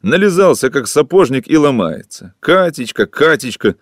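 A spiteful, mocking drunk woman, put on by a male narrator, shouts her contempt in a raised voice. She speaks short of breath. The dry, close recording sounds like a read audiobook. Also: medium pitch, very animated, moderate pace, no echo, pitched above the performer's own voice, natural voice. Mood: scornful.

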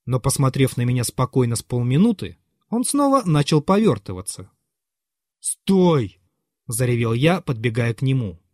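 A man narrates a classic novel in an expressive, dramatic manner. His pitch rises and falls a great deal, and the mid-range voice sounds dry and close to the microphone. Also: fairly quick, dry recording. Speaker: audiobook reader. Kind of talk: literary audiobook narration.

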